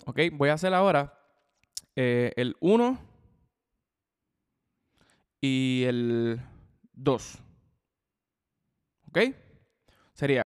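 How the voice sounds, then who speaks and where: A man's voice: medium pitch, lively intonation, extremely slow, pauses often. A man teaching drums on his podcast in a casual, chatty way, often repeating himself and checking in with the listener. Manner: chatty, repeats words and restarts phrases often. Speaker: drum teacher and podcast host. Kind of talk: casual spoken drum lesson. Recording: long hall reverb.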